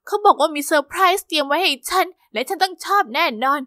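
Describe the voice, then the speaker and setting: A woman giving lively, expressive first-person scripted narration for an animated story. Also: high-pitched, fast, no echo, studio quality.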